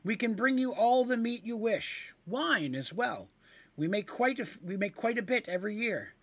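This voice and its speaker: A bold, cheerful little woman with a high, bouncy voice, put on by a man. She is eager and polite, spinning a clever plan in a fantasy audio tale. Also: animated, moderate pace, fairly bright tone, dry recording, exaggerated voice. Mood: persuasive.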